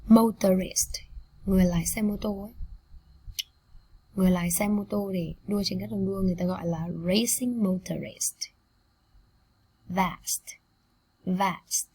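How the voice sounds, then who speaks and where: A woman English teacher with a Vietnamese accent, repeating vocabulary words slowly for students to copy and explaining them. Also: mid-range voice, steady tone, warm tone, husky. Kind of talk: vocabulary pronunciation drill.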